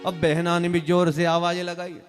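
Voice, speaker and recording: A man's voice: high voice, completely flat delivery, moderate pace, faint music behind. A man from Maharashtra, a Marathi native speaker, telling a devotional story as a sermon and acting out village characters in dialect voices. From Maharashtra, India. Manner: urges the audience to call out loudly. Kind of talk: Bhagavat katha sermon storytelling.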